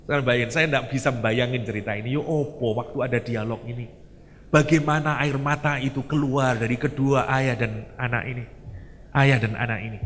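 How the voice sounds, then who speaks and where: Preaching with an East Javanese accent, this man tells his sermon's story vividly, slipping in Javanese and English remarks along the way. His pitch is a touch high, the audio sounds like a large room, and there's faint hiss or hum.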